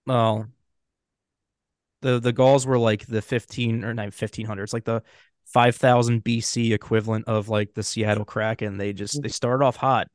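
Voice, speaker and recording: A man's voice: on the low side, fairly even intonation, normal speed, dry recording, clean studio sound. A man in his thirties co-hosting a podcast in casual chat, rambling and joking, often correcting himself mid-sentence. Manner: rambling, jokey, self-correcting. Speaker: podcast co-host.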